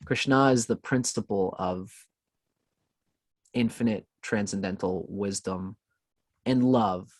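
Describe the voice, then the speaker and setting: Low-voiced man telling a story. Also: no echo. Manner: unhurried, reflective storyteller. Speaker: podcast guest. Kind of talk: casual storytelling in conversation.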